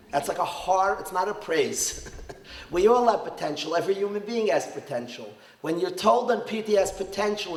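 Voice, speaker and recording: A middle-aged man, a rabbi and principal, giving an animated inspirational talk to parents, sprinkled with Hebrew and Yiddish terms. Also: on the high side. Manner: animated, rising to emphatic peaks, mixes Hebrew and Yiddish terms. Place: event hall. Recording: roomy hall reverb.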